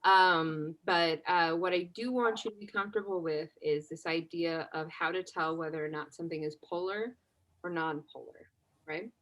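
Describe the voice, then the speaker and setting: A woman with a fairly low voice runs a relaxed chemistry exam review. She keeps quizzing her class and tags her explanations with a quick "right?" to make sure everyone follows. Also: poor audio. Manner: checks understanding constantly with "right?"; relaxed conversational teaching, asks class questions. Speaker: chemistry instructor.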